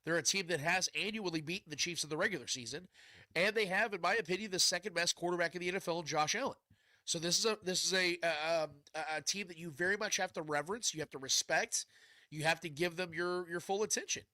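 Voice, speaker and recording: A male sports host with a badly stuffed nose and a congested, nasal sound. His voice sits fairly high and bright, and he talks in chummy, blunt slang at a brisk clip. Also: no room sound. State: stuffed up, can't breathe through nose. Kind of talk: casual sports talk.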